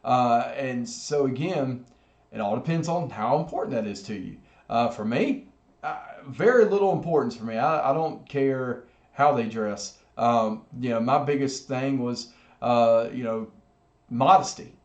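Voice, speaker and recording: A man gives a casual teaching talk to a church group. His delivery rambles, full of fillers and self-deprecating asides, at a middling pitch. The recording carries a noticeable room echo. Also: animated, unhurried, a little mellow. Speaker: pastor. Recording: echoey room.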